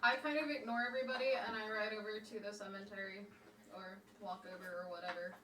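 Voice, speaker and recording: A woman playing a tabletop game, describing her character's actions casually and haltingly. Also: medium pitch, steady tone, bright, forceful tone, distant mic, slight background noise. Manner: halting, informal. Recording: echoey room.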